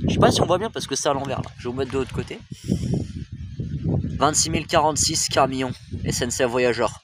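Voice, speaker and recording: A young man chats to his camera about his day, rambling and often tripping over his words before correcting himself. His voice sits at an ordinary middle pitch. Loud background noise runs all through the outdoor recording. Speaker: train-spotting vlogger. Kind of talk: casual face-cam vlog.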